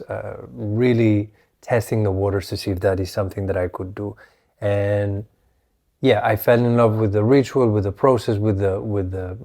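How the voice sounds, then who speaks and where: Reflective man, low dark voice. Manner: reflective, rambling with many restarts. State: recovering voice, slightly hoarse. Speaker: podcast host. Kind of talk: solo podcast monologue.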